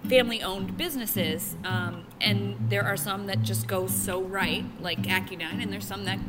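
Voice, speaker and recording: A woman's voice: mid-range voice, fairly even intonation, normal speed, loud music behind the voice. A woman co-hosting a podcast and chatting casually, bubbly, with frequent laughs and many ums. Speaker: podcast co-host, plastics engineer.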